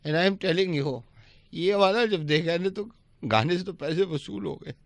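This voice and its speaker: A man's voice: sits high, measured pace, vocal fry, dry recording. A male radio host bantering in the studio and wrapping up a prank call in a playful, laughing way.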